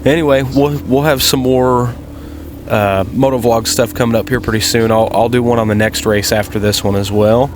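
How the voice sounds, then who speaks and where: A man's voice: medium pitch, steady tone, moderate pace, noisy background. A man giving casual, rambling vlog commentary about racing, in a folksy, laid-back way. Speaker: motovlogger and amateur off-road racer. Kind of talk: casual vlog commentary over race footage.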